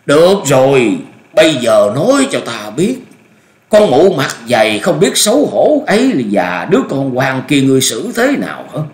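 A man voicing a bitter old male martial master who rages and gloats in a shrill, cackling voice. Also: huge pitch swings, takes it slowly. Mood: gloating. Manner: raging, gloating laughter. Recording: echoey room.

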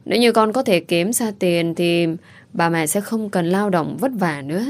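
A woman's voice: fairly low pitch, moderate pace, lightly acted. A woman voicing a sweet, clever little boy who talks in eager, childlike questions.

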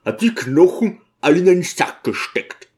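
A man's voice: high voice, very animated, normal speed, a little mellow, voice pushed up. A man voicing a hot-tempered, boastful deacon who talks in a blustering, indignant way.

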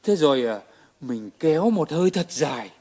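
An actor playing a jovial militia leader who jokes, tells stories and gives orders in a radio drama. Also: male voice, on the high side, big pitch swings, moderate pace, mellow. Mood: storytelling. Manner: hearty, joking storyteller, gives orders. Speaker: militia commander.

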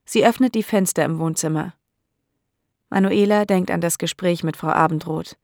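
A woman narrating a learners' audiobook in a clear, measured way. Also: fairly low pitch, a little mellow, no echo, clean studio sound.

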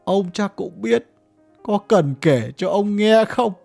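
A bitter old man from a village, once an official, rants and swears as he grieves, as an audiobook reader voices him. His speech swings widely in pitch and drags slowly. Faint music plays underneath. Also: expressive, vocal fry, dark tone, heavily acted. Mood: weary. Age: older. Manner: ranting, grieving, coarse cursing. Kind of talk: audiobook character voice.

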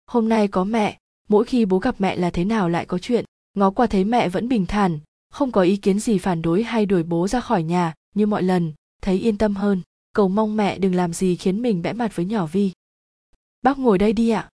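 A woman reads a first-person story aloud in a lively, chatty way. Her voice is soft and mellow, recorded close with a dry sound. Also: mid-range voice, moderate pace, no echo. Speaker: narrator.

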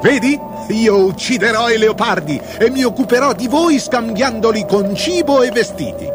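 A man voicing a young, headstrong boy who is quick to anger, speaking high and loud with indignation over soft background music. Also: huge pitch swings. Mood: boastful. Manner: shouting, indignant.

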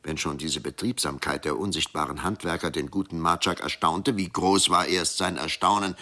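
A man's voice: deep voice, steady tone, moderate pace, bright, forceful tone. A man narrating a folk tale as a storyteller who speaks directly to his listeners.

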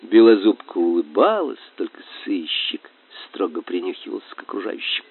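A man narrating a children's story in an expressive, lively reading voice. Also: low-pitched, moderate pace, slightly rough, no room sound. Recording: tinny dry phone-like sound.

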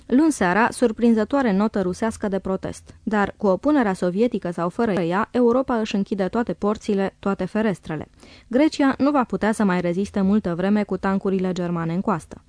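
A woman narrating a diary in a calm, measured reading voice. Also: mid-range voice, no room sound, studio quality. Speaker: audiobook reader.

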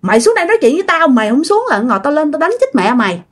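A woman's voice: high-pitched, sing-song, pitched above the performer's own voice. A woman voicing a furious drunken man's ghost. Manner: cursing, shouting, rapid and accusing. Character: angry drunken male ghost cursing the living.

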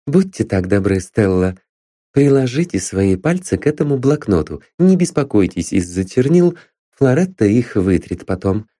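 A man lifting his voice for a calm, composed lady sleuth. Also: lowish voice, moderate pace, no room sound, studio quality. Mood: polite. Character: calm, cool-headed young woman detective.

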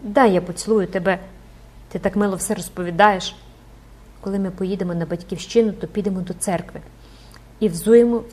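A woman's voice: mid-range voice, dark tone, lightly acted. Woman doing a frantic older mother. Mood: tearful joy. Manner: emotional, exclaiming prayers.

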